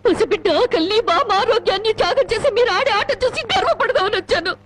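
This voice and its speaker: A woman's voice: extremely high pitch, animated, fast. A woman acting a wronged young wife in a film melodrama, tearful and reproachful with sarcastic bite. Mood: bitter. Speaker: film actress.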